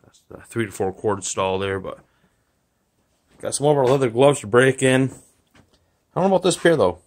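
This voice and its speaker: With an animated, mid-range voice at a moderate pace, a male vlogger films his garage and yard on his phone. He rambles offhandedly with fillers during this casual walkthrough, partly outdoors.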